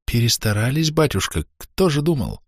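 A man's voice: mid-range voice, sing-song, moderate pace, breathy edge, no echo, clean studio sound, voice pushed up. A man voicing an anxious young male sect follower in an audiobook.

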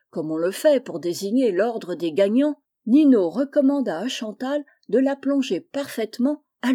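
Woman storyteller, children's tale, gentle and measured, warm voice. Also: medium pitch. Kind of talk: reading a children's Christmas tale aloud.

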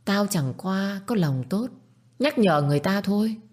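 A woman's voice: medium pitch, animated, normal speed, darkish tone, pitched above the performer's own voice, natural voice. A woman voicing a spiteful middle-aged stepmother who screeches insults and taunts. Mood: scolding.

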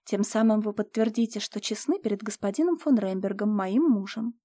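A woman voicing a young noblewoman who runs an estate, speaking calmly, coolly and firmly, in an audiobook. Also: mid-range voice, moderate pace, no room sound, clean studio sound, close to an everyday voice. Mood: composed. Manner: calm, cool and firm. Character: calm, firm young noblewoman managing an estate.

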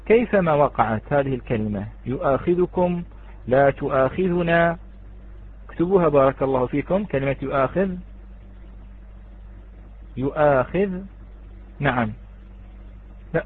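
A man's voice: on the high side, husky. A man teaching a tajweed lesson to students, explaining patiently and asking and answering his own questions. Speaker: Quran recitation teacher. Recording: tinny phone-line sound.

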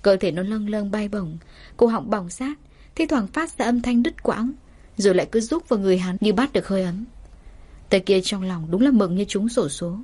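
A woman storyteller reading a drama story in steady scripted narration. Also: medium pitch, normal speed, breathy edge.

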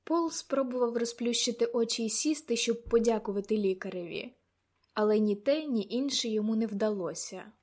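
A woman narrating a novel as an audiobook in a calm, even storytelling voice. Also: on the high side, normal speed. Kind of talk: scripted narration.

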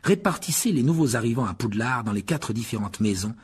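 Man, husky voice, mid pitch, dramatic storybook narration. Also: animated, a little fast, a little mellow. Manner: dramatic storytelling, rising with the action. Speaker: audiobook narrator. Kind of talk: scripted narration.

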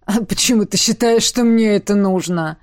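A woman reading an audiobook, voicing a mad, cruel villainous queen who taunts slowly and savors her words. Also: medium pitch, darkish tone, no room sound, studio quality, natural voice. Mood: gloating. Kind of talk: audiobook character voice.

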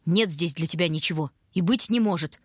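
A woman voicing a gruff, protective young village woman who talks in curt, brusque bursts in a storybook reading. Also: on the low side, fairly quick, no room sound, clean studio sound, lightly acted.

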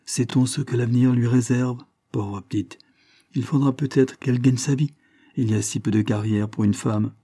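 A man's voice: mid-range voice, fairly even intonation, moderate pace, mellow, no room sound, clean studio sound, close to an everyday voice. A man reading the lines of an earnest, grave young widowed mother in a story.

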